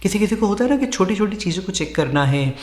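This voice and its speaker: A man teaching English vocabulary in a casual lesson, talking in Hindi mixed with English, reading the English example sentences slowly and often checking in with his listeners. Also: sits high, very animated, a little mellow, echoey room. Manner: frequent "ठीक है" check-ins, encouraging.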